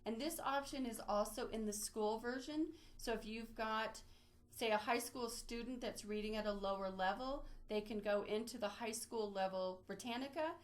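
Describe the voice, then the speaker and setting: In a fairly high-pitched voice at a moderate pace, a librarian presents a screen-share database walkthrough. As webinar trainer, she talks through each step informally.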